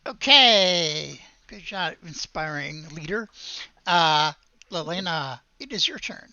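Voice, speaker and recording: Bright-voiced woman game master. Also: low-pitched, expressive, slow pace, dry recording, dull audio. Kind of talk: running a tabletop game over a call.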